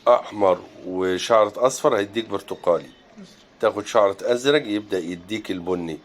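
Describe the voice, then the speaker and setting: A man's voice: deep voice, a little hiss or hum. Egyptian man teaching landscape painting. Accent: Egyptian Arabic. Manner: thinks aloud while mixing paint, with pauses and fillers. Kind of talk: relaxed step-by-step painting tutorial.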